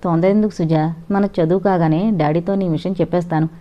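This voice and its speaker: A woman's voice: fairly low pitch, steady tone, a little fast, natural voice. A woman voicing a lovestruck young college man who speaks tenderly and earnestly, on a dull lo-fi recording.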